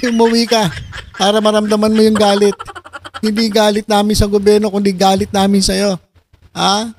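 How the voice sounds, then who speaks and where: A man's voice: high voice, completely flat delivery, normal speed, a little mellow, a little hiss or hum. A man giving casual reaction commentary, mocking and sarcastic, often breaking into laughter. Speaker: video commentator.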